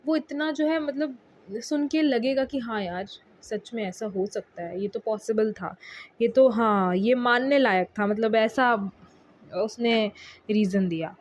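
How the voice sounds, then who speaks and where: A woman's voice: fairly high pitch, measured pace. A young woman teaching exam vocabulary in a casual lesson, explaining patiently and repeating key words. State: tired.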